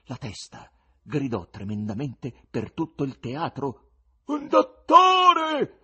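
A man reading a novel aloud as narrator, in an expressive, dramatic audiobook style. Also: mid-range voice, unhurried, husky.

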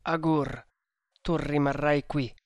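A man's voice: fairly high pitch, fairly even intonation, takes it slowly, dry recording, clean studio sound. A man voicing a proud, fearless snake hunter who gives curt, commanding orders in an audiobook.

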